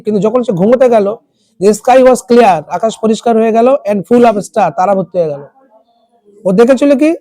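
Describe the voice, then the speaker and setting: A tutor explaining an English text in Bengali, reading lines slowly and asking students word meanings. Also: female voice, fairly high pitch, warm tone, no echo. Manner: asks students questions and repeats word meanings. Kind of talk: classroom lesson explaining a text.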